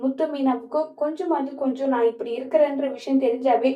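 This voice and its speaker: A sly young wife lays out her scheme, as a woman recapping a serial reads her lines. The voice stays high and plain. The recording is roomy and dull. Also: fairly even intonation, brisk, natural voice. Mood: scheming.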